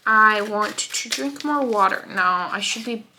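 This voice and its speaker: Slow-talking young woman vlogger. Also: mid-range voice, sharp tone, slight background noise, low-quality recording. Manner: chatty, heartfelt, many fillers. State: pregnant. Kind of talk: casual vlog chat.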